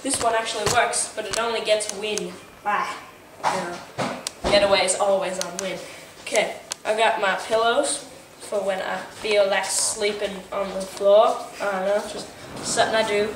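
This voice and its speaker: A young woman giving a comedic mock tour of a house, boasting deadpan with sudden yelps, filmed indoors on a home camera from a distance. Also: mid-range voice, normal speed. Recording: echoey room, distant mic, noisy home video.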